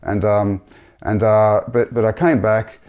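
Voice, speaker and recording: A man sharing a personal religious testimony in a halting, earnest way, often repeating himself. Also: lowish voice, steady tone, lo-fi sound.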